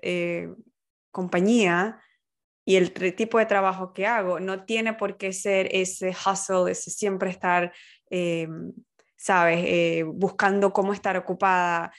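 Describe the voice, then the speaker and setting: A woman with a slightly low voice talks in an easygoing conversation. She thinks as she goes, pausing on fillers to find her words. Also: fairly even intonation. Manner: thoughtful, searches for words with fillers. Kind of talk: casual conversational chat. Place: working from home.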